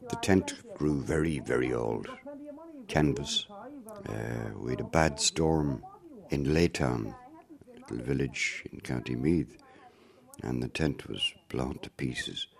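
An older Irish man, a former circus performer, telling family memories in an unhurried storytelling way. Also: very deep voice, vocal fry. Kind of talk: reminiscing interview narration.

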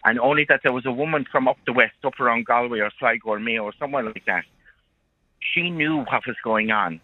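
A man's voice: medium pitch, brisk, no room sound. An Irish man telling folk tales on the radio with a lilting storyteller's delivery. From County Kerry, Ireland. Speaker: storyteller, radio phone-in guest. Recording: dull lo-fi phone-in on radio.

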